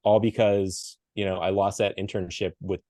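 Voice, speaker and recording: A man's voice: low-pitched, flat delivery, moderate pace, dark tone, no room sound, studio quality. A middle-aged man from Western Pennsylvania telling a story in a casual interview, acting out the people he quotes and laughing often. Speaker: podcast guest, coach and speaker.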